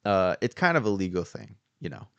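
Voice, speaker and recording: A man's voice: on the low side, sing-song, brisk, creaky, no echo, highs cut off. A man voicing an affable, nervous office worker who leaves a rambling, reassuring phone message from a game script. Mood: nervously reassuring.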